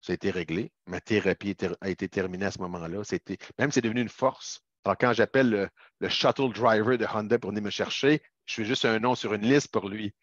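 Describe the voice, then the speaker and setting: A man's voice: on the low side, fairly even intonation, quick pace, hardly any pauses, no room sound. A man from Quebec with a Québécois French accent, explaining business matters in a chatty webinar, peppering his talk with tag words and direct asides to the audience. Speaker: webinar presenter, business lawyer. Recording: dull lo-fi webinar audio.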